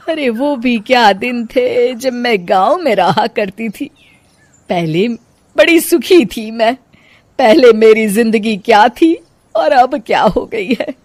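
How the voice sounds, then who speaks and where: A loud, grumbling cartoon mother-in-law. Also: a little high, no echo. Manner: loud, complaining rant. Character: village-loving older mother-in-law, grumbling. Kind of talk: cartoon voice acting.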